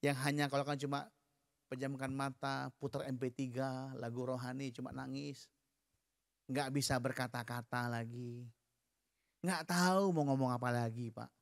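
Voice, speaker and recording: Animated man preaching a sermon. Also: mid-range voice, moderate pace, gravelly, no room sound, clean studio sound. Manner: animated, leads the congregation in reading aloud together; conversational, addresses the listeners directly.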